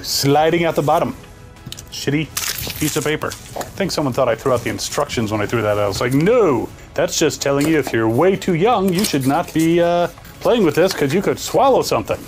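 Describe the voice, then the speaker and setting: A man talks through an unboxing, his voice sitting a little above the usual for a man. He keeps it casual and wisecracking, slipping jokes between observations. Soft music hums faintly behind him. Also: fairly high pitch. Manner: joking, wisecracking asides. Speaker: toy reviewer and host.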